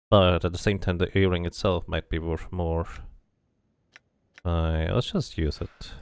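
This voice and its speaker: Narrating as he plays, a streamer offers laid-back game commentary, thinking out loud and occasionally reading game text aloud. He has a low voice, captured with clean studio sound and no room sound.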